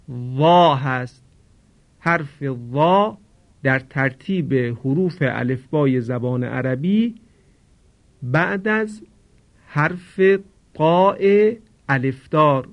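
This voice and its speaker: A man teaching Quran recitation in a formal radio lesson, slowly demonstrating how to pronounce each sound. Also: a little high, lively intonation. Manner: slow, careful demonstration of sounds; formal and polite. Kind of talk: radio lesson on Arabic pronunciation. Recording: dull lo-fi radio recording.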